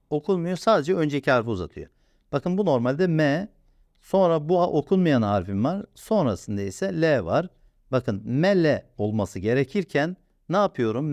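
A man teaching a step-by-step lesson, patiently asking and answering his own questions and drawing out sounds slowly. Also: on the high side, a little mellow, no echo, clean studio sound. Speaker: Quran reading teacher.

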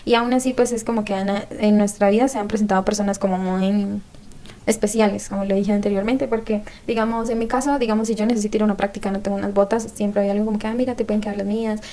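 A woman's voice: mid-range voice, steady tone, quick pace, mellow. A young woman from Colombia with a Colombian accent, chatting casually as an exchange-student guest in an interview. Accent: Colombian, not paisa. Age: young adult.

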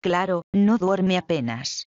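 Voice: mid-range voice, lively intonation, slow pace, a little mellow, dry recording. A reader voicing a suspicious, bitter young woman in a dramatic play reading, speaking pointedly. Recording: dull, lo-fi, dry.

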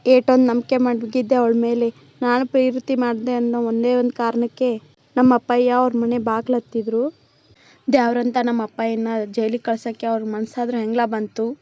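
A woman retells a serial episode and reads each character's quoted lines in her own plain voice. Her voice sits fairly high with a flat, narrow melody. The recording is dull and lo-fi. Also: normal speed. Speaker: serial recap narrator.

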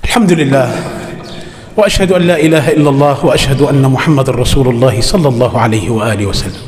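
A man's voice: mid-range voice, fast talker, a crowd in the background. A man with an Egyptian accent preaching a storytelling sermon in a mosque, emphatic and slipping into colloquial asides. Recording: echoey mosque hall.

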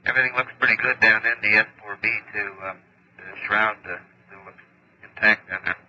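A man's voice: fairly low pitch, fairly quick, lo-fi sound, noisy background. A man in a spacecraft giving clipped radio reports to the ground, heard over a breaking-up space radio downlink. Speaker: astronaut. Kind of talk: clipped radio procedure talk.

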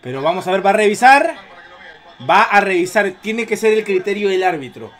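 High-voiced man reacting to a football match. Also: lively intonation, fairly quick. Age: 30s. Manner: casual and slangy, cursing, yelling at goals. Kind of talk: live match reaction commentary.

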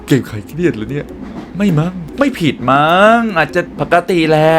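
A young man hosting a gaming channel, excitedly commenting on a puzzle game and talking to his viewers. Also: fairly high pitch, normal speed, background noise. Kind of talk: let's play commentary.

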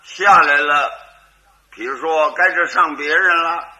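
A man's voice: on the high side, unhurried, pushed and bright. A man performing a crosstalk comedy routine as lead storyteller, switching between his narration and character voices.

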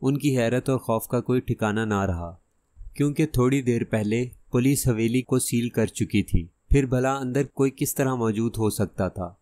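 A man reading a detective novel aloud as an audiobook narrator, steady and measured. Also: mid-range voice, no room sound.

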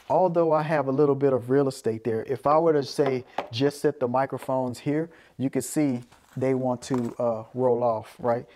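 A man with a warm, medium-pitched voice presents an audio gear video from a small carpeted room indoors. His hands-on walkthrough is casual and goes step by step, and he keeps checking in with "right?"

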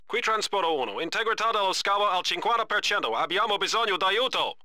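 A man's voice: fairly high pitch, steady tone, fairly quick, noisy background, natural voice. A man playing an urgent, commanding military officer calling out orders in a space combat video game. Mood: alarmed.

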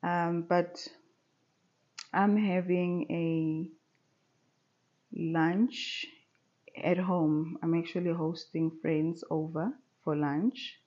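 A woman in her thirties vlogging casually from a living room sofa, talking in a relaxed, chatty way with many pauses. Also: fairly low pitch, highs cut off. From South Africa. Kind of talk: casual chat to camera. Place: bright living room at home, seated on a sofa.

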